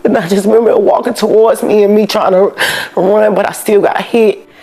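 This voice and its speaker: A woman in her twenties giving an interview, speaking haltingly and repeating words as she recalls. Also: medium pitch, fairly even intonation, warm tone, breathy edge, faint music behind. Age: 20s. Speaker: interviewee in a news report. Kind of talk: emotional interview recollection.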